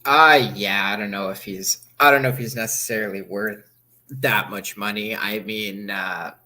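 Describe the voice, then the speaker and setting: Male co-host, low but bright forceful voice, halting, repeats himself. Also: fairly even intonation. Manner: hesitant, repeats words. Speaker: sports show co-host. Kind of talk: casual sports talk.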